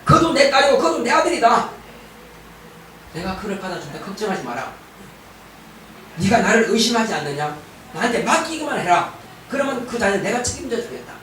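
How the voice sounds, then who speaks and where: A man preaching who voices God as a gentle, loving father speaking soft reassurance. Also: high voice, sing-song, moderate pace, slight background noise, voice pushed down. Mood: tender. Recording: very echoey church hall, distant mic.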